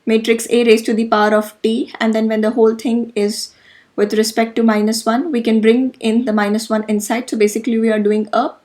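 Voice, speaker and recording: A woman's voice: on the high side, a little mellow. A woman lecturing through matrix notation step by step, methodical and now and then correcting herself. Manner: methodical, self-correcting explanation. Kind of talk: slide-based math lesson.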